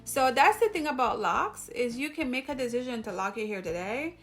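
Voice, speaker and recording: A Jamaican woman hosting a YouTube channel talks casually to camera, chatty and rambling, often interrupting herself, in a Jamaican accent. Her voice is fairly high, animated and a bit bright, moving a little fast.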